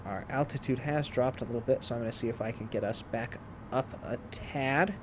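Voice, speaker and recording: Man, medium pitch, casual gameplay tutorial, step-by-step explaining, background aircraft noise. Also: a little fast. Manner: explains step by step while playing. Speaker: flight sim tutorial presenter. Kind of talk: casual instructional gameplay commentary.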